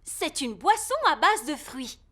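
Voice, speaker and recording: Casting: chirpy cartoon rabbit shopkeeper, friendly, extremely high and lively. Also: female voice, measured pace, full character voice. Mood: helpful. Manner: bright sales patter, chirpy. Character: bubbly, friendly adult female rabbit shopkeeper. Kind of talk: animated children's cartoon dub in French.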